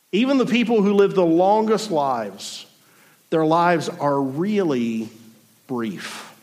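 A man in his forties preaching a sermon to a congregation in a room, reflective and thoughtful, with dry self-deprecating humor. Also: on the high side. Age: 40s. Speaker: pastor.

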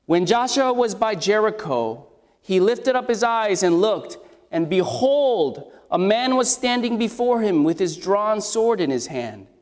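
Speaking at a measured pace, this man delivers an expository sermon in a high, sing-song voice with a darkish, scratchy tone. He keeps it conversational and asks his listeners questions, all captured with long hall reverb.

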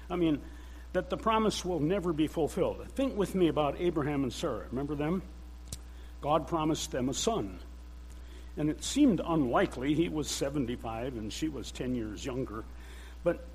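An older man preaching a sermon in a church, earnest and measured, with pauses. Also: a little high, a little mellow, slightly rough, poor audio. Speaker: church speaker.

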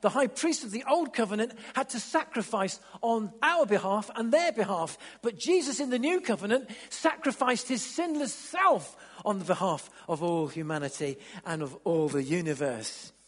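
A man preaching a sermon, stumbling over and repeating words, then building to excited emphasis. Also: high-pitched, moderate pace, husky. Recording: long hall reverb.

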